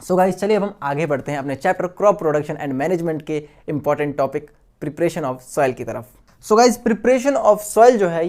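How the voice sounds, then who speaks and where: A man's voice: high voice, a little mellow. A man giving a recorded science lecture to school students. He keeps asking questions and answering them himself, and repeats the key terms. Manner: addresses students as friends and guys. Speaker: science teacher.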